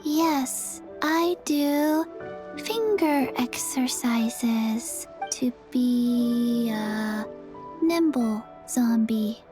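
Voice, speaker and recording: A woman voicing a small, forgetful zombie girl in a video game, speaking in a childlike, halting, drowsy deadpan. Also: a little high, music in the background. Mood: placid, deadpan. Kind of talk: video game character dialogue.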